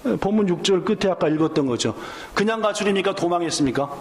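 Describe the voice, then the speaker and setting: A man's voice: sits high, animated, fast, reverberant. A male pastor preaching a sermon, firing questions at the congregation and acting out the lines of the story. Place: church sanctuary.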